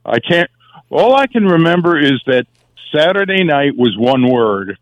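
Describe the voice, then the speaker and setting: A man in his sixties from New York, calling in to a radio show and answering in halting, hesitant bits. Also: a little high, sing-song, no echo, highs cut off. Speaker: caller. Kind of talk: call-in radio chat.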